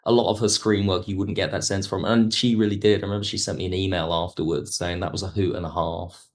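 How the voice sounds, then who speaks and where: The guest, a writer and director, talks quickly in a deep, steady voice during a casual podcast chat. He comes across as enthusiastic and thoughtful about his work.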